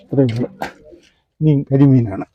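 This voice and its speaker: A man's voice: medium pitch, a little slow, narrow, tinny audio. A man casually talking through his work as a fish seller and vlog host. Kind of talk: casual vlog commentary while handling live fish. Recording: clear background noise with clicks.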